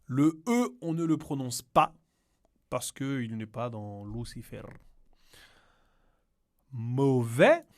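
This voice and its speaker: A man teaching to beginners, repeating words slowly and explaining in Spanish, patient and clear. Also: mid-range voice, big pitch swings. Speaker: French teacher. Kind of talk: slow, clear language lesson.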